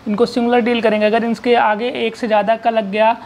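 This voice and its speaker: A man's voice: extremely high pitch, flat delivery, brisk, darkish tone, slight background noise. Patient male grammar teacher. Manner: explains patiently, repeats "ठीक है" often. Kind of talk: Hindi-English grammar lesson.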